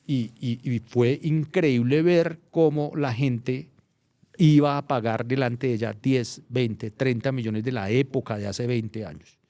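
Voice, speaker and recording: A middle-aged journalist tells long anecdotes in a relaxed interview, circling back and restarting his phrases as he goes. His voice sits at an ordinary male pitch. The recording is dry and close. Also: measured pace, no room sound. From Colombia. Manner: anecdotal, restarts phrases, animated when recounting. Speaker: journalist guest. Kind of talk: casual storytelling interview.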